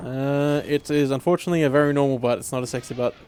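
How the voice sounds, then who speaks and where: A man's voice: medium pitch, steady tone, quick pace, noisy background. A man playing a game and commenting on it with sarcastic, sweary remarks. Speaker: player. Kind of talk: casual chat while gaming.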